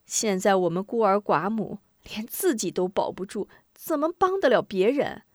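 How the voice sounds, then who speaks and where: A woman voicing a worried widowed mother who scolds her son in a hushed voice. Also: medium pitch, big pitch swings, moderate pace, no room sound, clean studio sound, lightly acted. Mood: hushed worry.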